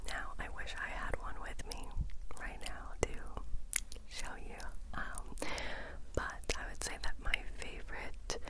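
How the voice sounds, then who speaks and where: Young woman in a close ASMR whisper. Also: measured pace. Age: young adult. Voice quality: soft unvoiced whisper. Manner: intimate close-up ear-to-ear whispering. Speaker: ASMR creator answering viewer questions. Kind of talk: ASMR, casual question-and-answer chat. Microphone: close binaural microphone.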